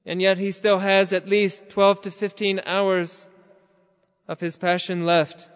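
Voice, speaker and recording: Preaching a sermon, a man with a high-pitched, smooth and resonant voice keeps a slow, measured rhythm and a level tone, sometimes lifting into a near-chant. Long reverb trails after his words, like in a big church.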